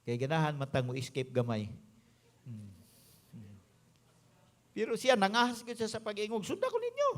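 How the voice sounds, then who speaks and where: A man's voice: fairly high pitch, moderate pace, long pauses. A male pastor with a Visayan Filipino accent, preaching an emphatic sermon that moves between English and his local language.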